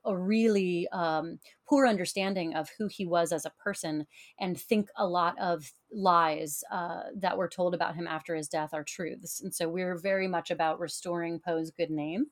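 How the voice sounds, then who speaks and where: A woman's voice: fairly low pitch, steady tone, moderate pace. A woman speaking as an interview guest, explaining conversationally and often repeating words as she goes. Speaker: podcast guest, author and tour guide.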